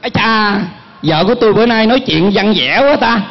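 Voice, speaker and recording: A man's voice: high-pitched, lively intonation, fairly quick. A man with a Southern Vietnamese accent playing a grumpy, proud farmer husband who lectures in proverbs in a stage comedy skit. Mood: bickering. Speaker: stage actor. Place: stage at a contest. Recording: muffled recording with loud music.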